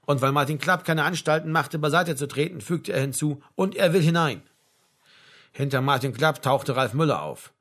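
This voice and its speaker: Husky male audiobook narrator. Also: a little high, a little fast, hardly any pauses, a bit bright. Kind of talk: literary narration.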